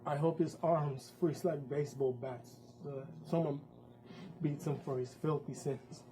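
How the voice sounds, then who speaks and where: A man's voice: a little high, steady tone, measured pace, warm tone, a little hiss or hum, low-quality recording. A man narrating his own story in a one-man stage show, vivid and with wry asides. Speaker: performer.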